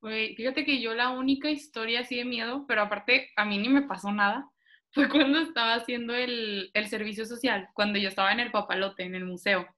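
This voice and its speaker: A young woman, co-hosting a podcast in relaxed, slangy chat. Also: a little high, a little fast. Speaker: podcast co-host. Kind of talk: casual chat.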